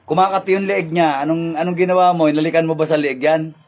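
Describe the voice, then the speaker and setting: A man's voice: a little high, fairly even intonation, fast. A man acting as faith healer in a spirit healing session, commanding one moment and teasing and laughing the next.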